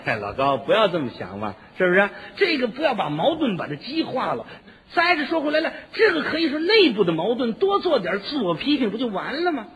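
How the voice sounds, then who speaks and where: A man's voice: very high-pitched, huge pitch swings, brisk, a bit bright, breathy edge, long reverb tail, exaggerated voice. A man voicing an older union chairman in a comic routine, patiently persuading in a soothing, official tone.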